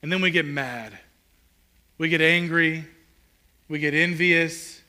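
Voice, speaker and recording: Bright-voiced pastor preaching. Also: male voice, fairly high pitch, slow pace. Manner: conversational, animated, swings from loud to hushed. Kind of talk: sermon. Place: church hall with congregation.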